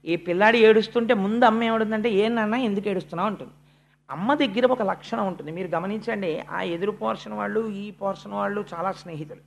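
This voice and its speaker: An expressive speaker gives a devotional discourse, retelling a sacred story for listeners. The delivery slows for weighty points and speeds up in the narration. Verses are chanted in a measured cadence. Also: mid-range voice, creaky, a little hiss or hum. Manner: expressive, shifting between slow emphasis and quick narration, chanting verse.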